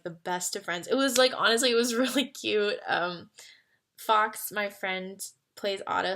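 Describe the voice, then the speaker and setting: A woman in her twenties chatting casually as a vlogger answering fan questions, full of "like" fillers, moving between excited and quiet, earnest talk. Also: medium pitch, creaky. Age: 20s. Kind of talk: casual chat.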